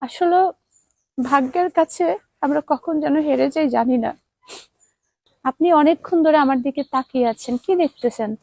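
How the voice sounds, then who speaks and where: Woman, high voice, warm mellow tone, soothing and motherly, coaxing, dry close sound. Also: normal speed, vocal fry, long pauses, dry recording, poor audio. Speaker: vlogger comforting crying children. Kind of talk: emotional vlog address.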